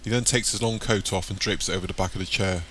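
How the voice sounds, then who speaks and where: Man, audiobook narrator, low voice, steady scripted narration. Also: fast talker, a little hiss or hum. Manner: plain, steady storytelling.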